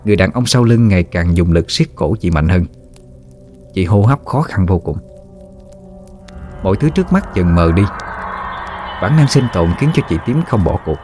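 A man narrating a scripted horror story in a steady, even storytelling manner. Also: deep voice, moderate pace, pauses often. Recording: dry studio voice-over with faint music.

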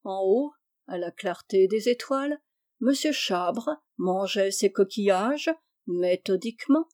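Woman calmly reading a classic story. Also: medium pitch, slow pace, no room sound, studio quality. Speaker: reader. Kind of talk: scripted narration of a classic story.

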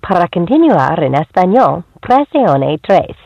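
A woman's recorded phone menu message, reading automated prompts in a measured, even way. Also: lowish voice, vocal fry, breathy edge, no echo. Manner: measured, evenly paced prompts. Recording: dull lo-fi phone line.

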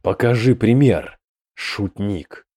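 A man voicing a hot-tempered rotting demon prince who speaks in sharp, fierce outbursts. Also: fairly low pitch, slow pace, dry recording. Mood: cold.

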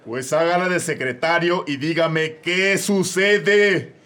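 In a comedy radio drama, a Mexican-accented man plays a cranky, domineering judge who exasperatedly barks orders. He speaks slowly in a fairly high-pitched, slightly bright voice.

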